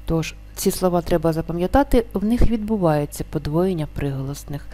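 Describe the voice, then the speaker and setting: A woman explains a grammar lesson in a low, mellow voice. She states each rule plainly, then slows down to sound out the examples with care. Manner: slow, careful spelling-out of example words. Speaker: teacher.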